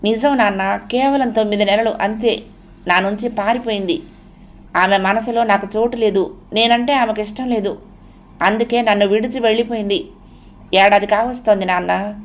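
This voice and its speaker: A woman's voice: medium pitch, fairly even intonation, moderate pace, lightly acted. Woman reading as an anguished young husband in an audio novel, pleading, emotional. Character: distraught young married man, anguished.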